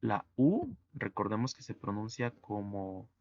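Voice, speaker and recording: A man teaching French to Spanish speakers, explaining pronunciation slowly and methodically, letter by letter. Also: on the low side, big pitch swings, darkish tone, dry recording, highs cut off. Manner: slow, methodical, spells out sounds letter by letter. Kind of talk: online language lesson.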